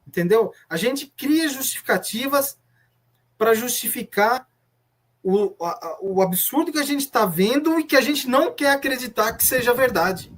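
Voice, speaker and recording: A man's voice: very high voice, lively intonation, normal speed, a bit bright. Brazilian man giving earnest testimony. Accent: Brazilian Portuguese. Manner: earnest, reflective, retelling memories with many restarts. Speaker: former church member giving testimony. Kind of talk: personal testimony in an interview.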